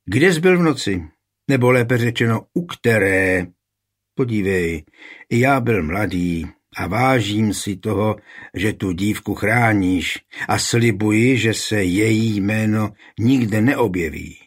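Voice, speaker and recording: A man voicing a cool, commanding high royal official questioning a suspect in a historical storybook reading. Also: lightly acted. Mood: stern, calm. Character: stern calm high royal official, middle-aged man.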